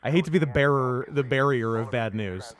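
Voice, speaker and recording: A man's voice: mid-range voice, brisk. A man in casual comedic banter as a gaming co-host, riffing playfully and stammering into repeated words.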